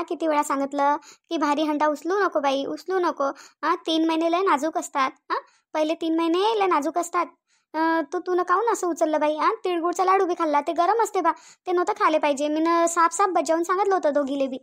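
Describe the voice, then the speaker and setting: A woman playing a fussy middle-aged village mother in a cartoon, speaking with a Varhadi Marathi accent. Her voice is very high, and she repeats herself and keeps tagging her lines with questions. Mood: scolding. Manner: repetitive, nagging, tag questions.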